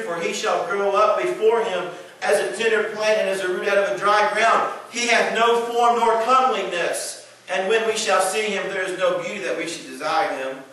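A man preaching a sermon, reading Bible verses aloud and building to shouted emphasis. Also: sits high, very echoey, far from the mic, poor audio.

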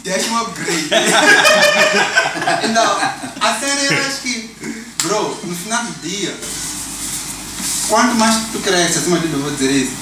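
A young Mozambican man with a high voice talks slowly and thoughtfully, mixing in bits of English slang. He was recorded from a distance in a very echoey barbershop. Electric clippers buzz loudly behind him. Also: very animated. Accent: Mozambican Portuguese. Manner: reflective, mixes in English slang. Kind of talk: casual chat. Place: barbershop, indoors. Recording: echoey room from far off with noise.

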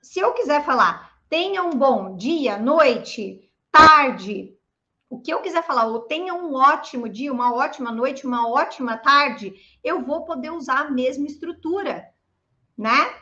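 Brazilian woman, English teacher, high bright voice, chatty and lively, slightly dull recording. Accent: Brazilian Portuguese. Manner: lively, chatty, demonstrates phrases slowly. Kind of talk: online pronunciation lesson.

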